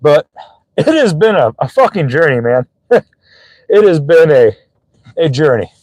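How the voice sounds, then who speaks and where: Young male vlogger, slightly high voice, dry close phone sound, earnest and emotional motivational talk. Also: very animated, a little slow, a little mellow, no room sound, rough recording. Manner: earnest, emotional, swearing casually. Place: gym.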